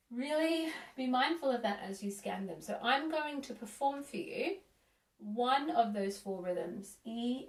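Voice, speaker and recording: A woman teaching a music lesson for young children, counting in and praising warmly. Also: medium pitch. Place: room at home. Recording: echoey room, a bit distant.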